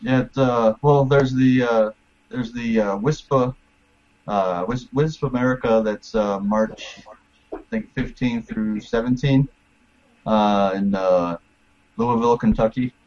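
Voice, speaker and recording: A man chatting casually in a group, hesitant, with many pauses and filler words. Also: mid-range voice, steady tone, darkish tone, highs cut off. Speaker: panel guest.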